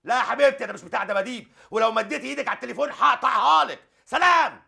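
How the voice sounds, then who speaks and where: An actor playing a boastful, grumpy older father and grandfather in a film comedy, talking loud and teasing. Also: deep voice, sing-song, fast, breathy edge, exaggerated voice. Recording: film soundtrack with music underneath.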